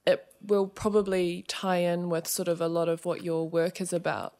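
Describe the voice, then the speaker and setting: A woman's voice: fairly low pitch, level tone, moderate pace, darkish tone. A woman from New Zealand hosting a casual interview, affirming often with "yeah". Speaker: interviewer host.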